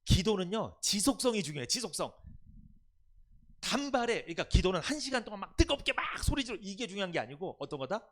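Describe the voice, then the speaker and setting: A man's voice: high-pitched, fast talker. A man preaching a Sunday sermon, asking the congregation questions and repeating key words. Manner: lively, rising and dropping loudness. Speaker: pastor.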